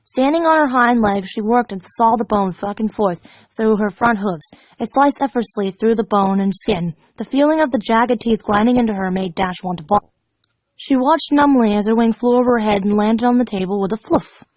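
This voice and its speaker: Here a woman with a fairly high, darkish voice reads fan fiction at normal speed. She narrates dramatically like an amateur, stumbling now and then, in an echoey, dull home recording.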